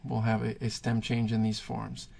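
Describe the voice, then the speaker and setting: A man's voice: on the low side, completely flat delivery, moderate pace, gravelly, darkish tone, husky. A man teaching Spanish verb conjugations, patiently thinking aloud and pointing things out as he writes. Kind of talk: explaining grammar at a whiteboard.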